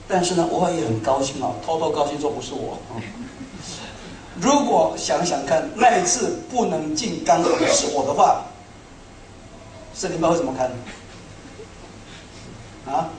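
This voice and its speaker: A middle-aged man with a somewhat high voice delivers a sermon to his congregation. He tells stories in an animated, self-mocking way. His voice is caught from a distance in a roomy hall, with faint noise behind it. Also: unhurried, pauses often. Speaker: pastor. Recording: echoey hall, speaker far from mic.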